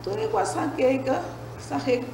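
Woman, somewhat high voice, hesitant, echoey sound, faint noise behind. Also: animated, normal speed, gravelly, warm tone. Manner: hesitant, recounting events with fillers. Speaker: company employee interviewed. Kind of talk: news interview.

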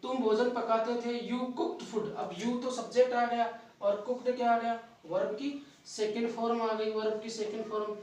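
A man's voice: very high-pitched, flat delivery, unhurried, a little mellow, distant mic, slight background noise. A man teaching a grammar lesson, asking questions and then answering them himself. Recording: echoey room, voice from off-mic.

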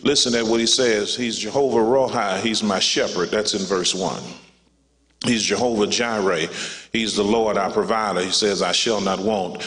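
A man with a fairly low voice preaches a funeral sermon from the pulpit. He speaks in a preacher's cadence and often calls his listeners "child of God." His voice rings with the long reverb of a church sanctuary. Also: normal speed. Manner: preacherly, rising to a high excited pitch at the climax. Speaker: pastor.

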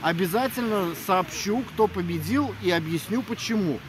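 Standing in a snowy city square at night, a man in his thirties who narrates audiobooks gives his followers a casual video greeting. His voice sits high with lively intonation at normal speed, and he speaks earnestly and emphatically. Traffic and outdoor noise fill the background.

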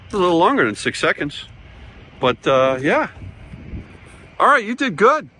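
A man's voice: high voice, normal speed. A man hosting a road trip vlog, talking casually and thinking aloud as he drives. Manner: relaxed, chatty, thinks aloud. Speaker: vlog host. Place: inside a car on the road. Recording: road noise in a moving car.

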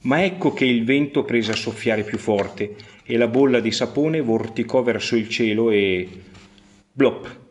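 A man narrating a children's fairy tale, expressive, with rising swells and slowed emphasis. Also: slight background noise. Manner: expressive storytelling with pitch swings and slowed emphasis. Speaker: storyteller.

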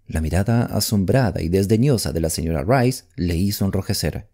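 A male audiobook narrator telling a mystery story with expressive delivery. His voice sits low and sounds mellow. His intonation moves a great deal. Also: a little fast.

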